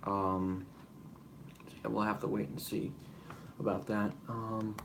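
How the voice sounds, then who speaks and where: A man's voice: fairly low pitch, little pitch movement, takes it slowly, vocal fry, noisy background. A young man hosting a casual live-stream Q&A, rambling with many fillers and apologies. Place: room at home with noise behind.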